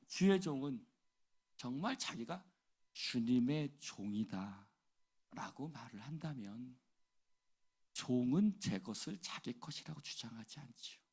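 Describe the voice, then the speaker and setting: Husky middle-aged man preaching. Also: a little high. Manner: animated preaching, rhetorical questions to the congregation. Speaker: pastor. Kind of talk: early-morning church sermon.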